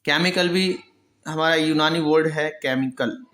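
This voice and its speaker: A man's voice: on the high side, a bit bright. Man drilling pronunciation in an echoey room. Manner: explains patiently, asks and answers his own questions; repeats each word slowly for drilling. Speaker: English pronunciation teacher. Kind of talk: Hindi-language vocabulary lesson.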